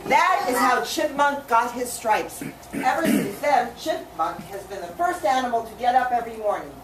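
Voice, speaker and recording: Woman, storyteller reading to children, expressive, asks questions, high voice, echoey room, background noise. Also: normal speed, distant mic. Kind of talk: reading a picture book aloud to children.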